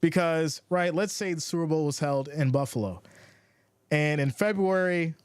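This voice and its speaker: A man's voice: fairly high pitch, normal speed, clear, resonant tone, dry recording. A man doing casual play-by-play for a football livestream, reading viewer comments between plays in a laid-back way. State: has the hiccups.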